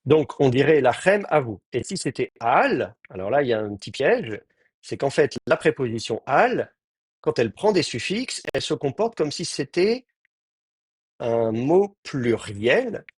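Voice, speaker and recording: A man's voice: mid-range voice, very animated, a little slow, slightly rough, no room sound, clean studio sound. A man teaching an advanced class, explaining step by step with many hesitations and fillers. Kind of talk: online class lecture.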